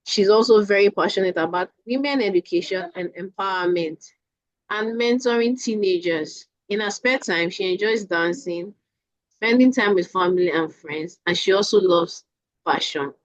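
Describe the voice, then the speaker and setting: A woman introduces a guest speaker, reading a prepared bio in a formal, even way. Her voice comes over a video call with muffled, lo-fi sound and no room echo. Her pitch sits in a middle range for a woman. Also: normal speed. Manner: formal, steady reading pace. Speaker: event host. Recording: dull lo-fi video call audio.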